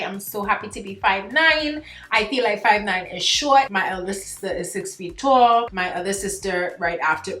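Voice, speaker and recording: A woman from Trinidad and Tobago, chatting casually in a beauty vlog at home, expressive and full of "like" and "y'all". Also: medium pitch. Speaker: beauty YouTuber. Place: home, indoors, getting ready for bed. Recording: echoey room.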